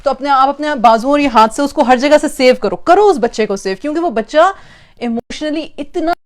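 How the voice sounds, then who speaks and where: Speaking a little fast in a high, animated voice, this parenting speaker gives an emphatic talk. Her lecture leans on repeated phrases for stress, with English words mixed in.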